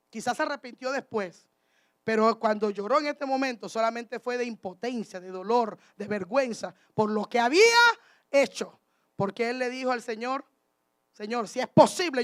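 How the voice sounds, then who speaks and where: Woman preacher, high voice, emphatic sermon, calls out to the congregation.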